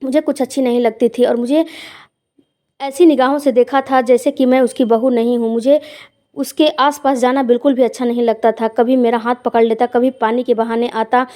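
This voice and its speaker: A woman narrates a first-person story, speaking plainly and conversationally with quiet emotional weight. Her voice sits a little high, and its tone is soft and mellow. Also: flat delivery, normal speed.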